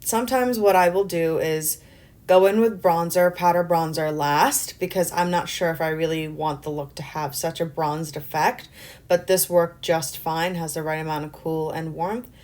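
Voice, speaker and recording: A young woman with a slightly low voice, talking through her makeup routine in a loose, chatty way. She rambles, fills pauses with ums, and pokes fun at herself as she goes. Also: fairly even intonation, a little mellow. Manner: self-deprecating humor. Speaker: beauty vlogger. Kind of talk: casual makeup tutorial voice-over.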